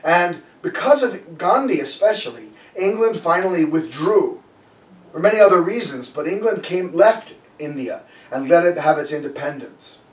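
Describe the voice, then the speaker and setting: A man preaches in a relaxed storytelling way, often breaking off and starting his sentences over. His voice sits fairly high for a man. He is picked up from a little way off the mic, in a room that echoes. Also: normal speed, distant mic. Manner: loose and storytelling, with frequent restarts. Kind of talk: conversational sermon. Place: church sanctuary.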